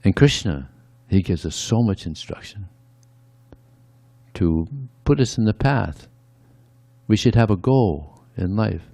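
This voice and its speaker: A man's voice: lowish voice, expressive, takes it slowly, creaky, pauses often, dark tone, no room sound. A man giving a conversational devotional sermon, often adding "yeah" between points. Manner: conversational, frequent "yeah" asides. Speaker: speaker at a temple.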